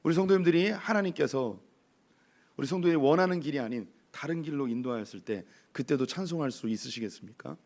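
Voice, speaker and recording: Hoarse pastor preaching, slightly high voice. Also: male voice, fast. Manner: lively, addresses congregation with rhetorical questions. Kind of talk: sermon. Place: church sanctuary.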